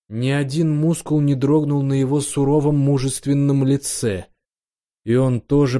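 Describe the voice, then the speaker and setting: A man reading a science fiction audiobook aloud in a steady, expressive narration. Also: mid-range voice.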